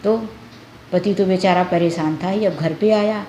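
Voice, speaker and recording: A woman's voice: fairly low pitch, a little slow, mellow. A woman vlogger giving marriage advice, lecturing viewers directly and acting out family quarrels. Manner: preachy, addresses viewers directly as sisters and friends. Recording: echoey room with faint background noise.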